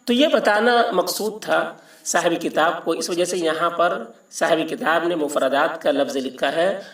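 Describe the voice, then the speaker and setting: A man gives an alphabet lesson, calling out each letter and repeating it with patient care. His voice sits a little high and has a gravelly fry. He sounds set back from the mic in an echoey room. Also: fairly bright tone, far from the mic. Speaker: teacher.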